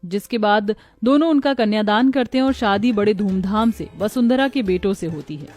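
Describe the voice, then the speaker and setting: A woman's voice: mid-range voice, moderate pace, a little mellow. A woman narrating a scripted, melodramatic family story. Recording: music behind the voice.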